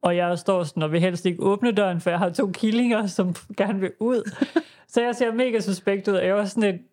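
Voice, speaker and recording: Danish woman cohost telling stories, chatty, acts out little quotes, normal mid pitch. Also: a little mellow. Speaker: podcast co-host. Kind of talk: casual chat, anecdotes.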